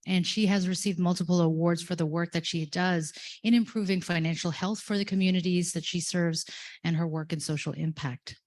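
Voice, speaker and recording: A woman's voice: lowish voice, steady tone, a little fast, darkish tone. A woman moderating a conference panel, introducing the guests and asking questions with many hesitations.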